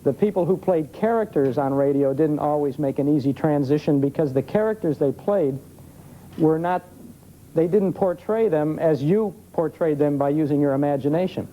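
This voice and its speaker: The audio is dull on this noisy vintage television broadcast of a live interview, where an American man is the guest expert on old-time radio. His voice is fairly high and he talks at a moderate pace, explaining things conversationally in front of a studio audience.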